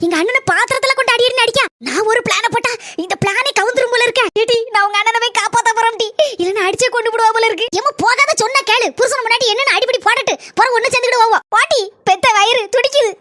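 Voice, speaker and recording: A woman with a Kanyakumari Tamil accent voicing a scheming village mother-in-law and her gossiping friend in a cartoon, talking fast and scolding. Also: extremely high pitch, bright, forceful tone, no room sound. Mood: scandalized.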